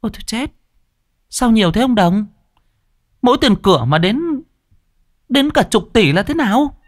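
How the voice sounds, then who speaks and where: A man's voice: big pitch swings, normal speed. A man voicing a startled middle-aged woman who shrieks about costs. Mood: alarmed. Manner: shrill, alarmed.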